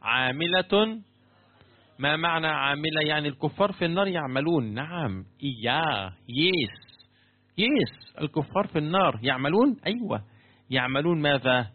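A man's voice: expressive, brisk. A man teaching a lesson on Quran commentary, constantly quizzing his students with repeated questions and half-finished sentences for them to complete. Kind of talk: interactive classroom lesson. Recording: tinny phone-like low-fidelity sound.

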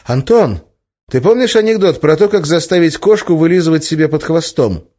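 A man's voice: a little high, animated, normal speed, warm tone, husky, pitched above the performer's own voice. A man voicing a playful, sly young witch woman in an audiobook, teasing and coaxing in a lilting tone. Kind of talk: audiobook character voice. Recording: slightly muffled lo-fi recording.

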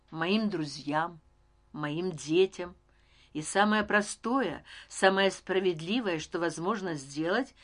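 A woman reading an audiobook, voicing a female ruler who speaks to a crowd in a soft, intimate, measured way. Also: on the low side. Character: female ruler addressing crowd, calm, persuasive.

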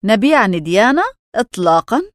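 A woman voicing a cruel, harsh tavern keeper's wife in a storybook reading, with a sharp, scornful manner. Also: mid-range voice, animated, a little fast, dry recording, clean studio sound, close to an everyday voice.

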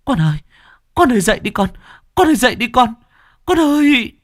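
Wailing grieving parent, done by a man, high rising cries, dry close voice. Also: sing-song, fairly quick, fairly bright tone, no room sound, heavily acted. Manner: wailing, crying out.

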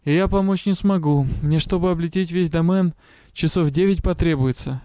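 A male reader doing a brisk, motherly witch. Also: on the high side, mellow, dry recording, clean studio sound, lightly acted. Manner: hissing, brisk, fussing. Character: caring middle-aged witch, sharp-tongued but motherly.

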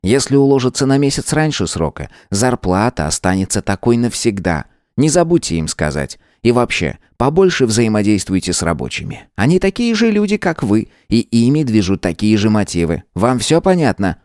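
A male narrator voicing a hot-tempered boss who shouts, scolds and gives orders. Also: lowish voice, big pitch swings, moderate pace, few pauses, no echo, clean studio sound, pitched above the performer's own voice. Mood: angry commanding. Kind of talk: audiobook character voice.

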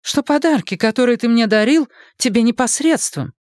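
A man's voice: expressive, moderate pace, no echo, clean studio sound. A man doing a tearful, clingy young mistress. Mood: reproachful. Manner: pleading, high and sobbing. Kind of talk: audiobook character voice.

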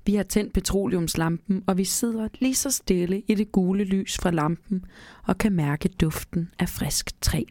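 A woman reading a children's Christmas story aloud as narrator, in a calm, measured way, then chatting casually. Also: medium pitch, no echo, studio quality. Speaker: storyteller and co-host.

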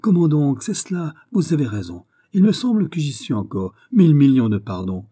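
A man's voice: a little high, sing-song, moderate pace, mellow, husky, pitched above the performer's own voice. A man reading an audiobook voices a flustered, fawning male prison governor who stammers apologies in a raised voice.

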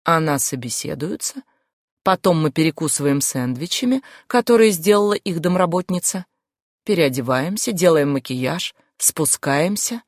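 A woman's voice: low voice, expressive, normal speed, no echo, clean studio sound. A young woman narrating a novel in first person, in a sardonic, brash tone with crude asides. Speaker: audiobook narrator.

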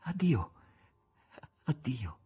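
A man's voice: medium pitch, big pitch swings, moderate pace, a little mellow, slightly rough. A man reading an audiobook, voicing an impassioned young woman in a raised, emotional voice. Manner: impetuous, emotional.

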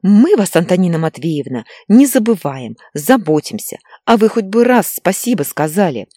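A woman voices a hysterical, tearful pregnant young wife who whines, snaps defensively, and breaks into shouting, sounding shrill and indignant. Her voice is lowish with big pitch swings and a breathy edge, at a moderate pace, recorded in studio quality with no room sound.

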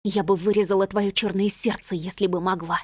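A woman's voice: a little high, moderate pace, no room sound, clean studio sound, close to an everyday voice. A woman reading the part of a fierce, loyal lady-in-waiting in an audiobook. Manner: fierce, then tender.

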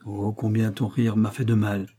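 Man reading as a solemn loving young wife, tender and moralizing, dark mellow tone, husky edge. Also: on the low side, little pitch movement, normal speed. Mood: tender earnest. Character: earnest young wife writing a pleading letter.

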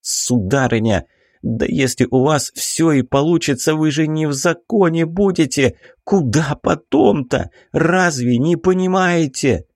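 A man's voice: on the high side, measured pace, a little mellow, dry recording, clean studio sound, voice pushed up. A man reading an audiobook, voicing a cautious, timid investigator who talks in a hesitant, placating way. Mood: pleading. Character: cautious middle-aged male investigator, timid.

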